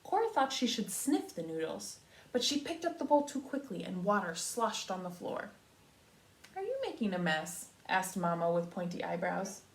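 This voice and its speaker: Like a kindergarten teacher, a woman with a lowish voice reads a children's storybook aloud expressively, pausing to talk to her young listeners. The recording has a roomy echo.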